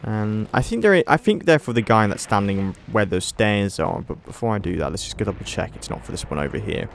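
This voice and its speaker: Man reading game text haltingly. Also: on the low side, expressive, vocal fry, a little hiss or hum. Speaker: let's play gamer. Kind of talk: casual gameplay commentary.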